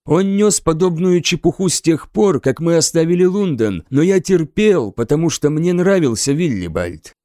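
A man narrating a first-person audiobook with measured storytelling and a dry, ironic edge. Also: a little high, lively intonation, warm tone, dry recording.

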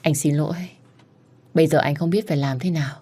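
A woman voicing a remorseful young husband who pleads softly with his wife in a storybook. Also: sits low, fairly even intonation, fairly quick, husky. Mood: pleading.

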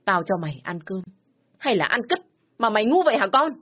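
A woman plays a domineering older father in a spoken story, shouting harsh rebukes. The voice pushes loud and climbs high. It sounds husky, on a dull, lo-fi recording. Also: sing-song, brisk. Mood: furious shouting. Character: furious stern older village father, domineering.

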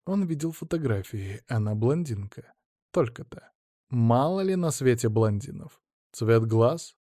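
A man reading audiobook narration in an even, measured way. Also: medium pitch, dry recording, clean studio sound.

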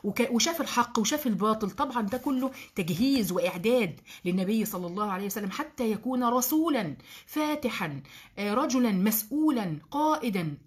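Woman, Egyptian Arabic accent, religious teacher, quick delivery, husky voice, asks the class questions. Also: mid-range voice. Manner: lively, asks the class questions, explains terms. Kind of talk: Islamic lesson for girls, Egyptian colloquial.

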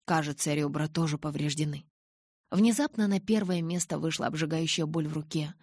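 A woman reading a novel aloud in a dramatic, intense way, with a husky voice. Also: low voice, a little fast, a little mellow, no echo. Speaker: audiobook reader. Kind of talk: scripted narration.

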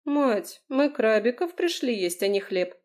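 A woman voicing a pushy, teasing young woman friend who talks loudly and indignantly. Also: a little high, very animated, a little slow, voice pushed up.

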